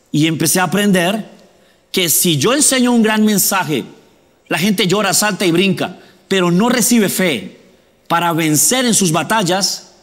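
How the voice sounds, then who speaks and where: High-voiced preacher in a reverberant hall. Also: male voice, a bit bright. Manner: conversational preaching with frequent questions to the congregation. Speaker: pastor. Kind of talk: sermon.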